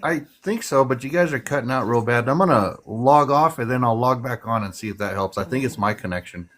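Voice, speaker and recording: A man's voice: medium pitch, brisk, fairly bright tone. A man talking casually in an online voice chat, his voice crackling and cutting out over a bad connection. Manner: casual, checking if others can hear him. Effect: crackling, cutting-out internet voice line.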